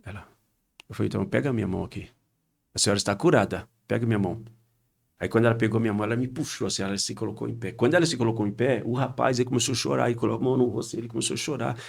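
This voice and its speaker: A man, a pastor recounting a healing testimony on a podcast, acting out dialogue and rising in pitch as he gets excited. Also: very fast, vocal fry, breathy edge. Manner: animated retelling with quoted dialogue, rising pitch when excited.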